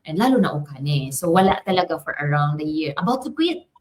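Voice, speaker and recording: Animated woman telling her life story. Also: deep voice, fairly quick. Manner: animated, switching between Tagalog, English and Japanese. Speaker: business coach. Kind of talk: personal testimony, casual storytelling.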